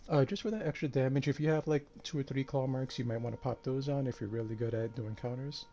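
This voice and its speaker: Tired, mellow-voiced male streamer. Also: medium pitch, fast, a little hiss or hum. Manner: relaxed, rambling with many fillers. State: tired and out of breath. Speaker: game streamer. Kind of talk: casual live-stream commentary.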